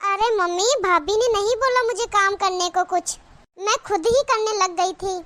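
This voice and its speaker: A woman's voice: extremely high pitch, moderate pace, fairly bright tone, dry recording. A woman voicing a sweet, eager young daughter pleading with her mother in a cartoon.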